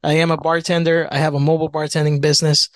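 A man talking casually as a podcast guest. His voice is a touch high for a man and the sound is dry and close. He rambles, restarts and leans on fillers. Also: flat delivery, quick pace, no echo. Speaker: bartender, guest.

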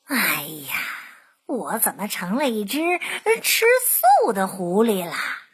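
A woman's voice: medium pitch, very animated, slow, breathy edge, voice pushed down, heavily acted. A woman voicing a hungry, bumbling male fox in a children's story, sighing and stammering. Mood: dismayed.

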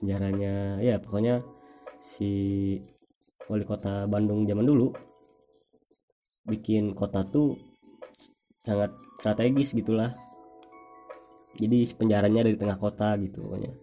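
A man's voice: lowish voice, unhurried, pauses often, faint music behind. A young man with a Sundanese accent, telling a personal anecdote in slangy, casual speech full of swearing. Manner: slangy, swears freely, animated retelling.

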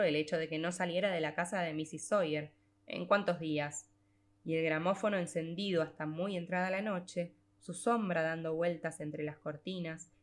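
Reading aloud for an audiobook, a lowish-voiced woman tells a literary short story. She keeps a measured storyteller's pace, stretching out phrases as she goes.

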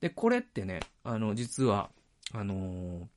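Man, solo podcast monologue, lively rising and falling pitch, rambling, hesitant, self-correcting. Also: a little slow, a little hiss or hum. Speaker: podcast host. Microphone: speaking into a microphone.

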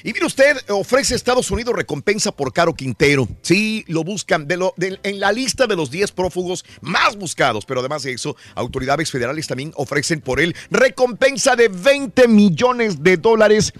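A man's voice: high voice, moderate pace, few pauses, no echo. A man hosting a radio show, reading news items and joking with co-hosts. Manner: animated, shifts between news reading and joking.

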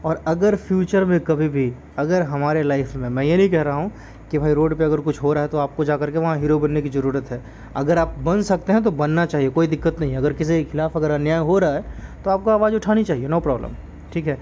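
A man's voice: on the high side, fairly quick, warm tone, dull audio, a little hiss or hum. A man talking in an earnest, moralizing way, asking his listeners many rhetorical questions in a casual spoken monologue. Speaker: podcast host.

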